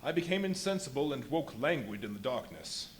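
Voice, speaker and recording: A man performs the feverish, volatile scientist of a live radio play, boastful and theatrical. His mid-pitched voice swings widely through ornate confessions, with emphatic pauses. Background noise from the live venue runs under it. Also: sing-song, natural voice. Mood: anguished, intense. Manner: dramatic, literary phrasing with emphatic pauses.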